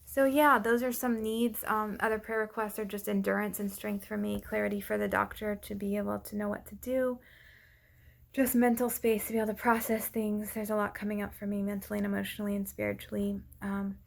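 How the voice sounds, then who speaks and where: Breathless woman with a creaky voice. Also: mid-range voice, flat delivery. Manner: halting, trailing off and losing her thread. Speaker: vlogger giving a personal update. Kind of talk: casual unscripted update to followers.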